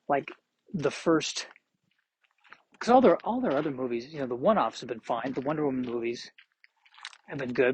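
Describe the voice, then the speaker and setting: A man's voice: mid-range voice, a little hiss or hum, poor audio. A man in his forties hosting a solo podcast, chatting casually in a rambling, self-deprecating way. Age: 40s. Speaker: podcast host.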